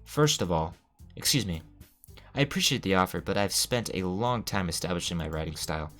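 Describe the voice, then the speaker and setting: Man reading a cool, reserved game schoolgirl: measured and low. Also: expressive, fairly bright tone, soft background music. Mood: cold. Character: reserved, cutting teenage girl.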